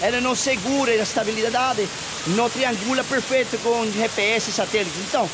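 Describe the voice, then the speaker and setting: Standing by a waterfall with his drone in the air, a chatty man with a high voice vlogs casually and excitedly, switching among English, Portuguese and Spanish. Rushing water and a loud hiss fill the background.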